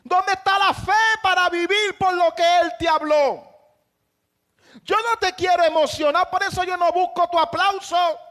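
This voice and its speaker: A man preaching a sermon as pastor, impassioned, often raising his voice to a shout for emphasis. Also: extremely high pitch, steady tone, measured pace.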